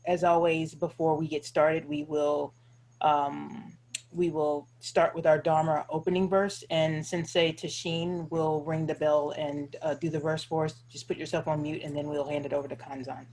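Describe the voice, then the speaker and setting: Even-toned male host over a humming line. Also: a little high, normal speed, a little hiss or hum. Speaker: host and moderator. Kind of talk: informal housekeeping announcements for an online event.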